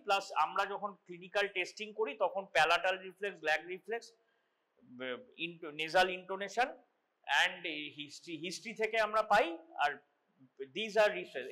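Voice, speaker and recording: A man's voice: high-pitched, brisk, pushed and bright. A man giving an anatomy lecture to medical students in a classroom, explaining step by step and mixing in English terms. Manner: explanatory, mixes English terms, frequent restarts.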